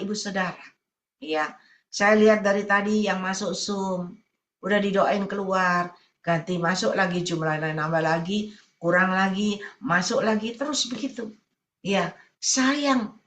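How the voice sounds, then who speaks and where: A woman's voice: mid-range voice, fairly bright tone, reverberant. A woman evangelist preaching over an online meeting, telling stories and speaking directly to her listeners in short repeated phrases. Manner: storytelling, often addresses listeners as brothers and sisters; repetitive, listing phrases. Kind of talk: sermon over Zoom.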